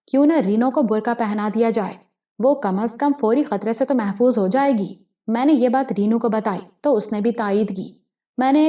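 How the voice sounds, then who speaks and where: A woman narrating a suspense novel as an audiobook, in steady, measured storytelling. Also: on the high side. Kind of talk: novel reading.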